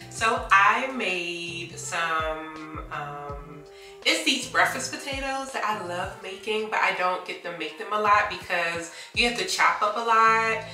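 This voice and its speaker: A woman's voice: medium pitch, bright, forceful tone, roomy sound, recorded from a distance. A young woman talking casually to the camera in an upbeat, chatty travel vlog, filmed indoors in a small cabin bathroom. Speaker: vlogger.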